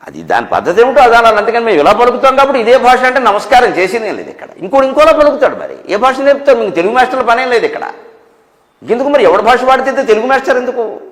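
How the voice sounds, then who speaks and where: A man's voice: extremely high pitch, big pitch swings, rapid-fire, a bit bright. A man giving a spiritual discourse to an audience, scolding with rhetorical questions and wry humour. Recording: echoey hall with long reverb.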